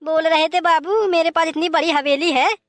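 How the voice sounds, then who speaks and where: A woman's voice: very high voice, moderate pace, a bit bright, dry recording. A woman voicing a lazy, grumbling young bride in a comic cartoon, whiny and theatrical with wailing exclamations.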